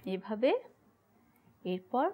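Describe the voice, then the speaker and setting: A woman's voice: medium pitch, drawn-out words, mellow. A woman hosting a cooking show, explaining each step in a teasing, playful way. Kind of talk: cooking demonstration with playful banter. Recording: noisy kitchen with clinking utensils. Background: cutlery and pan sounds.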